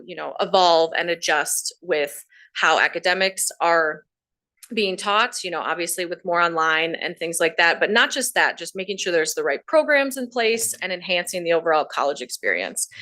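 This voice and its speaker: A woman's voice: lowish voice, pushed and bright. A woman giving a conversational presentation at a board meeting, often saying "you know" as she explains.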